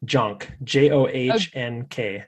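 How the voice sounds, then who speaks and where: A man from Fargo, North Dakota, hosts a podcast and speaks slowly in a mid-range voice. The conversation is loose and rambling, relaxed and peppered with jokes.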